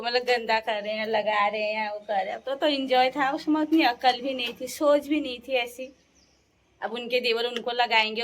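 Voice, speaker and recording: A woman's voice: fairly high pitch, fairly bright tone. A young woman from the Uttarakhand hills, chatting casually to her viewers as a vlogger and laughing often. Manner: chatty, laughs often, sings folk songs slowly. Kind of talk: casual storytelling.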